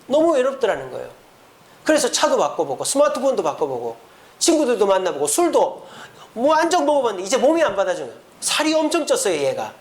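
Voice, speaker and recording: A man's voice: very high voice, huge pitch swings, fast. A man preaching a sermon as pastor, telling a story with acted quotes in a church. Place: church sanctuary.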